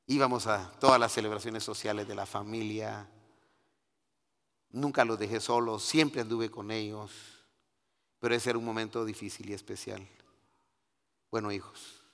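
A middle-aged man giving a sermon testimony. He goes from hushed, confiding talk to loud, emphatic preaching and keeps calling his listeners brother. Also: on the low side, steady tone, measured pace, pauses often, big-room sound.

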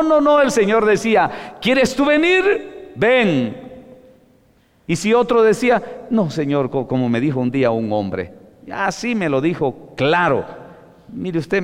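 A man preaching a sermon to his congregation, calling them brother, moving between loud exclamations and hushed asides. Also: a little high. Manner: addresses listeners as brother. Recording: long hall reverb.

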